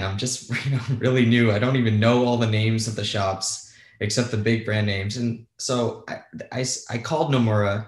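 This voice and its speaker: Male guest, casual raconteur, lowish voice, self-deprecating, roomy recording. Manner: candid, self-deprecating, swears freely. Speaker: guest, former bond trader. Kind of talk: casual storytelling.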